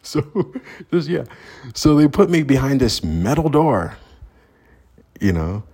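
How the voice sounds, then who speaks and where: A man's voice: mid-range voice, big pitch swings, takes it slowly, long pauses, a little mellow, breathy edge. A man casually telling a story outdoors, rambling and candid, swearing freely. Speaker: vlogger. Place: outdoors at sunrise.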